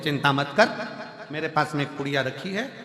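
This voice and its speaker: A man playing a calm guru who offers a deadly remedy in a quick, matter-of-fact voice. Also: a little high. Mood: deadpan. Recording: echoey hall with music.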